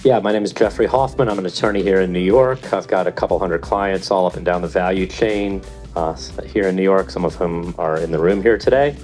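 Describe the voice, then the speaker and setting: A man's voice: low voice, a little fast, a little mellow, soft background music. A man giving a brief, friendly introduction as a panelist before a live audience. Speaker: attorney, panelist.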